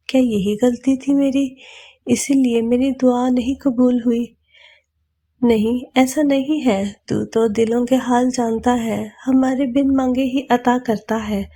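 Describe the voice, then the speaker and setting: A woman's voice: on the high side, mellow. A woman voicing an earnest young husband in a storybook reading, speaking bluntly and then in pleading prayer.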